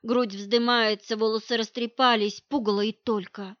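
A woman narrating a first-person audiobook, lively and emotional, with a fairly high voice. The recording is dry and close, with a slightly dull, lo-fi tone. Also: normal speed, dry recording.

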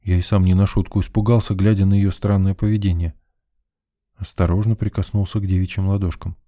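A man narrating a first-person audiobook in an even, measured storytelling manner. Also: low voice, no echo, studio quality.

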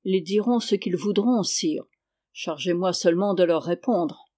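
An arrogant count in full armor from an audiobook, calm and quietly threatening, voiced by a reader. His words are measured and unhurried, in a dark, mellow tone. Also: mid-range voice, close to an everyday voice. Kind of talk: audiobook character reading.

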